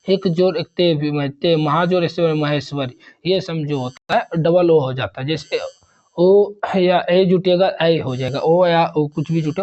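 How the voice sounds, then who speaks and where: A man's voice: a little high, darkish tone, dull audio. A man teaching an exam revision grammar lesson, rattling off examples one after another and repeating terms.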